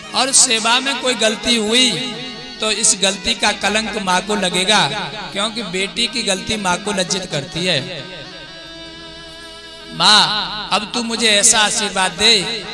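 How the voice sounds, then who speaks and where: A gentle young bride, as a preacher puts her on, earnestly comforts her mother and asks for her blessing. The voice is high and unhurried, with devotional music behind it. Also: steady tone.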